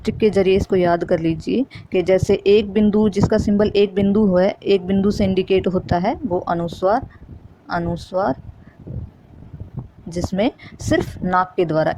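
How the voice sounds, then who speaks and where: A woman's voice: medium pitch, warm tone, a little hiss or hum. A woman teaching a Hindi grammar lesson for exam preparation, explaining step by step and repeating key terms.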